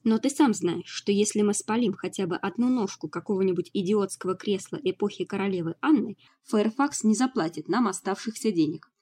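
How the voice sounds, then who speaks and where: A woman's voice: mid-range voice, a little fast, few pauses, dark tone, husky, close to an everyday voice. A woman reading an audiobook, voicing a cautious young man who raises doubts in a reasoning, worried way.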